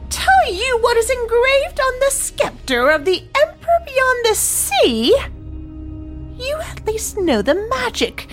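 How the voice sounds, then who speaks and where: A woman voicing a cold, imperious witch queen who talks in a shrill, sneering, commanding way. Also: full character voice.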